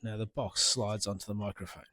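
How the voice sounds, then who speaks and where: A product reviewer talks casually to camera into a handheld wireless interview microphone, informal and repetitive. His fairly low voice is flat, a little fast, pushed and bright, with no echo.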